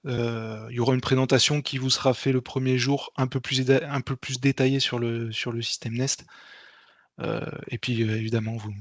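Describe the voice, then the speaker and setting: An event organizer gives an informal meeting briefing, speaking hesitantly and haltingly with frequent repeats. His medium-pitched voice has little pitch movement, and there's no echo.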